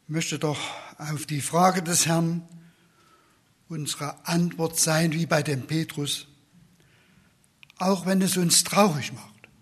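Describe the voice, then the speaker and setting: Male preacher, slightly higher voice, husky, earnest sermon delivery. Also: fairly even intonation. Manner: slow, earnest, soft whispered questions.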